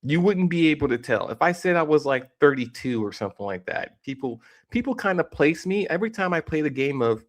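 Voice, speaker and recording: A man's voice: on the high side, big pitch swings, a little fast. Rambling, opinionated man in his forties. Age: 40s. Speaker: reaction video host. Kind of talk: casual reaction commentary.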